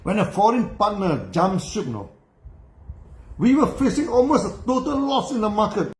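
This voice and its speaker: An older Malaysian man tells a business story in a voice set fairly high for a man. He keeps tacking "no" and "you know" onto his lines and chuckles along the way. The room gives his voice a roomy echo. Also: sing-song, normal speed, darkish tone. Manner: tag questions, frequent "no" and "you know", chuckling while telling. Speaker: company founder telling his story. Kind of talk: storytelling talk.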